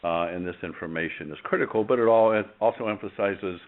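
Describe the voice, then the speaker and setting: A man speaking on a conference call over a speakerphone, halting and full of filler sounds. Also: deep voice. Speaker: company executive on a press conference call. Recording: tinny phone line, slightly distant speakerphone.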